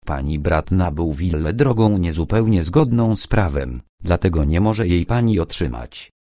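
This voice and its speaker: A man reading the lines of a calm police major in an audiobook, speaking gently and in a measured way. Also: low voice, dry recording, studio quality. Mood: grave.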